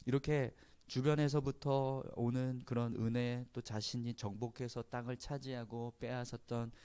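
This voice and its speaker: A man's voice: medium pitch, level tone, normal speed, mellow, clear, resonant tone. Korean male pastor preaching conversationally. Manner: conversational preaching, frequent affirming interjections. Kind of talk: sermon.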